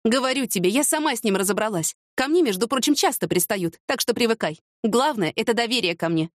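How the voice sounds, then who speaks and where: Woman playing a hot-tempered young heroine, raised high voice, emphatic, dry audiobook sound. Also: animated, no echo, lightly acted. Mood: insistent. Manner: heated, emphatic, quick retorts. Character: young woman, fiery and impulsive. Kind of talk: audiobook character reading.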